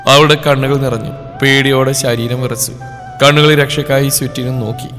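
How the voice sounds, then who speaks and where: A man's voice: medium pitch, fairly even intonation. Man, storyteller, scripted romance narration, emotive delivery, long reverb tail, faint music bed. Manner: emotive, dramatic reading with short pauses. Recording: long reverb over soft background music.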